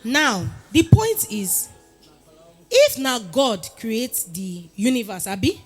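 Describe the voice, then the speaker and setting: A woman with a Nigerian accent giving a lively motivational talk, switching between Pidgin and English and rising to loud, emphatic peaks. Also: fairly high pitch, takes it slowly, breathy edge, soft background music. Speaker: motivational speaker.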